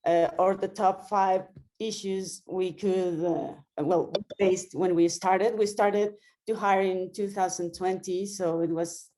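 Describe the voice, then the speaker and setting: A woman's voice: medium pitch, steady tone, slow, dark tone. A woman presenting as an operations lead over a video call, friendly and a little hesitant. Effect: heard over a video call. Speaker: guest speaker, operations lead. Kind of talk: webinar presentation.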